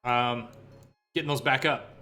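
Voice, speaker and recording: A man's voice: medium pitch, fairly even intonation, unhurried, sharp tone. A man talking casually and informally to his livestream viewers, with slangy, bro-style phrasing. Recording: music playing behind the voice. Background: background music.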